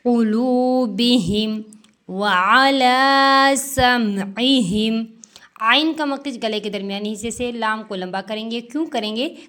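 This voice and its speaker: A woman teaching tajweed step by step, reciting words slowly and drawn out, then explaining the rules and answering her own questions. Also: fairly high pitch, a bit bright. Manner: slow drawn-out recitation of verses between explanations; frequent "theek hai" check-ins.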